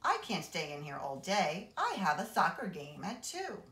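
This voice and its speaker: A woman's voice: fairly low pitch, wildly swooping pitch, normal speed, sharp tone, reverberant, distant mic, exaggerated voice. A woman doing an impatient sporty schoolgirl.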